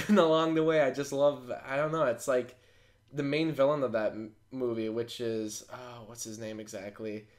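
A man co-hosting a podcast in loose, casual chat. He rambles with enthusiasm and laughs often. His voice sits in an ordinary middle pitch. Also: flat delivery, normal speed. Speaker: podcast co-host.

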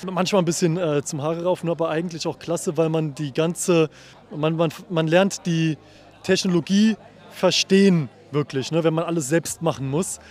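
A male software developer answering interview questions outdoors, hesitant and stammering with many restarts. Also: fairly high pitch, steady tone, moderate pace. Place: outdoors at a summer party.

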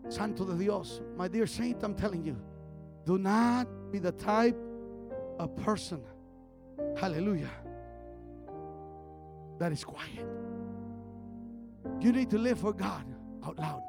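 A male pastor preaching fervently, swinging between loud shouts and low murmurs. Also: slow, vocal fry, long pauses, over music. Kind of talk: bilingual sermon.

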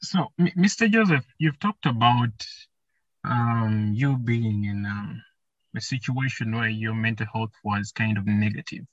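Husky podcast host with a lo-fi sound. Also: male voice, on the low side, unhurried, no room sound. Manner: rambling, repeats himself. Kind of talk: casual interview.

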